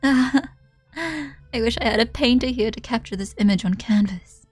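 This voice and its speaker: A woman's voice: fairly high pitch, steady tone, brisk, dry recording, soft background music, natural voice. A woman voicing a cruel, mocking young woman who taunts and laughs, reading a visual novel aloud. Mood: gleeful.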